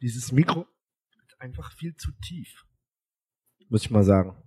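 Male podcast co-host, husky voice worn down by a cold, lively casual chat. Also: mid-range voice, unhurried. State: hoarse from a cold.

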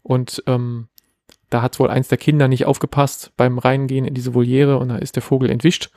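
A man's voice: medium pitch, little pitch movement, normal speed, mellow, no echo, clean studio sound. A man in his thirties, co-hosting a podcast, telling a story casually with many fillers. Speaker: podcast co-host. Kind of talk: casual chat.

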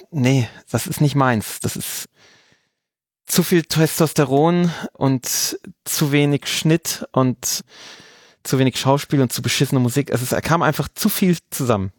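A man's voice: medium pitch, dry recording. Male co-host, dry close sound, blunt sarcastic takes. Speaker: film podcast co-host. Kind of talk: casual film review chat.

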